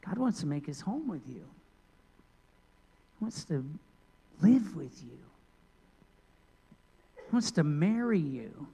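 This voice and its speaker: A middle-aged male pastor preaching a sermon into a handheld mic, moving between loud emphatic points and quiet asides. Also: fairly high pitch, big pitch swings, takes it slowly, vocal fry, long pauses, husky. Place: large church sanctuary. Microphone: handheld microphone. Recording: long church reverb.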